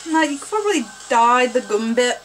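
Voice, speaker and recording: A woman with a slight lisp giving a casual, rambling how-to talk, unhurried and full of fillers. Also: on the high side, expressive, fairly bright tone, soft background music. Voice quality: slight lisp from wearing false teeth. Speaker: cosplay tutorial maker.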